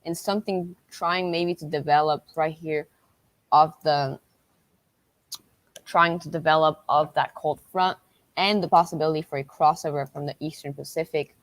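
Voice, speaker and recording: A woman hosting a livestream as a weather tracker, talking through storm updates unscripted in a halting, repetitive way. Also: low-pitched, fairly even intonation, no room sound.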